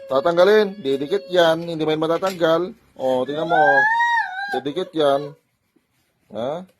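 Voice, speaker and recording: A man's voice: fairly high pitch, unhurried, background noise. A man performing a deliverance prayer as a faith healer, chanting invocations and repeating urgent commands at a spirit. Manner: commanding, repetitive urgent orders.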